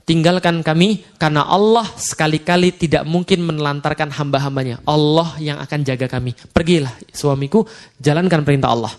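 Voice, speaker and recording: A male preacher voicing a devoted wife who calmly sends her husband away, in a low, steady, reassuring tone. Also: a little fast, close to an everyday voice. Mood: resolute. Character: faithful devoted wife, calm and resolute.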